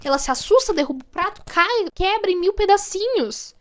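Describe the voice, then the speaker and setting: A high-voiced woman with a Brazilian accent talks through a film plot in casual vlog style. She tells it with animated, wry storytelling and plenty of slang, like chatting with friends. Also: fairly quick. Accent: Brazilian Portuguese. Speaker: film reviewer.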